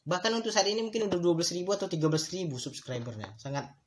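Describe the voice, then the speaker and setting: This man's voice is high and sing-song, and he talks very fast over a slight hiss or hum. He runs a solo podcast, explaining ideas in a reflective, instructive manner. Speaking right to his listeners in a moralizing tone, he sometimes elongates words for emphasis.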